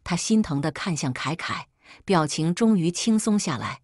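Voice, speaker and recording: Low, husky woman narrating a drama story. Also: lively intonation, moderate pace, darkish tone, no echo, clean studio sound. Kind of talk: first-person story narration.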